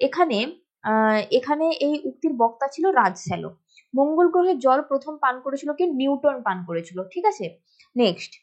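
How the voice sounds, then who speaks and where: A woman teacher with a Bengali accent, walking through exam answers step by step and often asking students whether they have understood. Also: high voice. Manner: explains step by step, often checking with "ঠিক আছে?" and "বোঝা গেল?". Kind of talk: exam answer walkthrough lesson. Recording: dull lo-fi recording.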